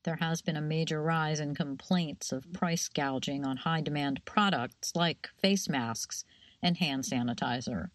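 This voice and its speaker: A woman anchoring a radio news bulletin, reading in a steady, measured way and questioning correspondents. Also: sits low, dry recording. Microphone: studio mic.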